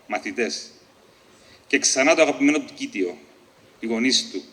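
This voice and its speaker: A man of middle pitch reads his own short story aloud at a book launch. His delivery is measured and deliberate, and he now and then trips over a word and starts it again. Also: fairly bright tone. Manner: measured, deliberate reading with occasional slips and restarts.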